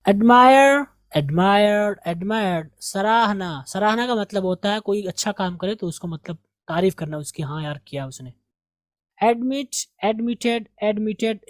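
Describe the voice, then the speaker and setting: Slow, drilling woman English teacher. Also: mid-range voice, darkish tone, no room sound. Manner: slow, repeats each word for pronunciation drill. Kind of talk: vocabulary lesson with drills.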